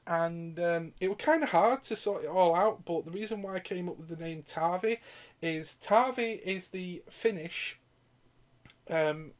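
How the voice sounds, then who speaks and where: Chatty man, somewhat high voice. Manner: casual, swearing, rambling, laughs often. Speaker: gaming channel host. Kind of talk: live gameplay commentary with Q&A.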